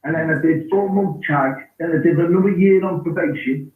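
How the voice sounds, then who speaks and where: A man's voice: on the high side, fairly quick. A man telling blunt, slang-heavy stories in a casual call-in chat. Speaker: guest caller. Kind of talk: casual storytelling. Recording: echoey, distant, phone-like line.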